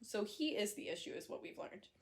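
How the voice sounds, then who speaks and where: A young woman talks through a horror story in an easy, chatty way at a mid pitch. She corrects herself as she goes and fills gaps with likes and ums. She is blunt and swears now and then. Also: animated, fairly quick, gravelly. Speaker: book reviewer. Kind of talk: casual book recap.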